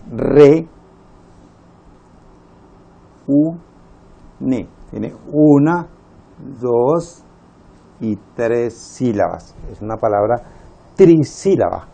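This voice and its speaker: A man teaching a Spanish lesson, slowly spelling out words syllable by syllable and counting them. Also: medium pitch, animated, creaky, dark tone. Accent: Latin American Spanish.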